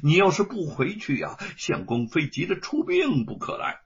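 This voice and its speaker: A devoted young wife speaks in a hushed, soothing voice, as a male storyteller puts her on. The voice is breathy and husky, with lifted pitch. It comes through a dull, lo-fi recording. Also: wildly swooping pitch, moderate pace, heavily acted. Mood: coaxing.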